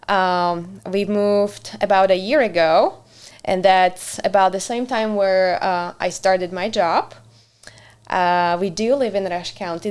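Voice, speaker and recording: A woman, a podcast guest who chats in a friendly way, laughs easily and often pauses on "uh". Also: medium pitch, clean tone. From Slovakia. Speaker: podcast guest, community center director. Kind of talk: casual interview chat.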